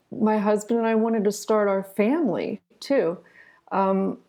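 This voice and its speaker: An interview guest from southern Ohio, this American woman in her forties has a creaky, medium-pitched voice with a darkish tone. A retired physician who became an author, she tells personal stories informally and frankly, often saying "you know."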